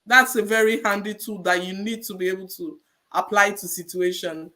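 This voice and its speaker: This nurse guest on a podcast speaks with a Nigerian accent in a medium pitch, with fairly even intonation and a pushed, bright sound. Her advice comes in a measured, encouraging way, and she returns to her main points so they stick.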